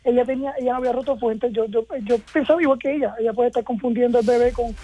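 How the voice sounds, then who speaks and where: A man's voice: extremely high pitch, steady tone, rapid-fire, dark tone, highs cut off, slight background noise. A man with a Puerto Rican accent, a father and interview guest, explaining step by step in casual talk. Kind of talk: casual storytelling.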